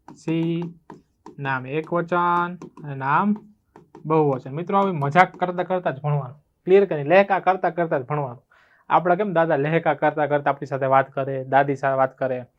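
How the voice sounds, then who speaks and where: Man, Gujarati accent, high-pitched, English teacher, checks students' understanding, muffled recording. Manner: asks students rhetorical check questions. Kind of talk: spoken English lesson in Gujarati.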